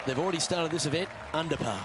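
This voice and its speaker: A man's voice: a little high, fast, lightly acted. A man as a golf commentator, calling play-by-play for a video game tournament. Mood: composed, pleasant. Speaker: golf commentator, lead announcer. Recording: outdoor crowd noise behind commentary. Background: crowd and outdoor course ambience.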